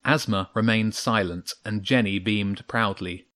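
A man narrating a children's storybook in a steady, measured read. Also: fairly low pitch.

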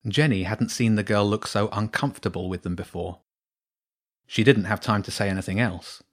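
A man narrating a children's storybook in a steady, clear reading voice. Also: fairly low pitch, moderate pace.

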